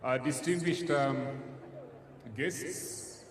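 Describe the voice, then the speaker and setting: A man with a Ugandan accent formally announcing at an official ceremony, speaking deliberately and haltingly over a public address system. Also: on the high side. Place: large outdoor ceremonial grounds. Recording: echoey outdoor PA, noisy ambience.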